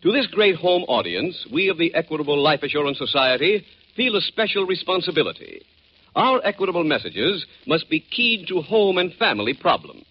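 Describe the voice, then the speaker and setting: Male 1940s radio announcer, formal and emphatic, high-set voice, dull old broadcast disc sound. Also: slightly rough. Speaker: announcer for a sponsored radio crime drama.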